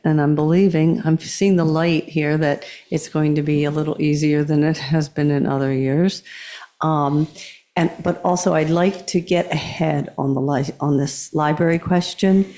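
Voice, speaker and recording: A woman's voice: low-pitched, dark tone. A woman giving tentative public comment at a meeting, thinking aloud as she goes. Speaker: community member at town meeting. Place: indoor public meeting room.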